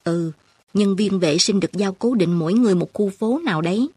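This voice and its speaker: A woman's voice: mid-range voice, a little fast, dark tone, husky, no room sound, natural voice. Woman doing a kindly middle-aged street sweeper. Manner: homely, practical reassurance.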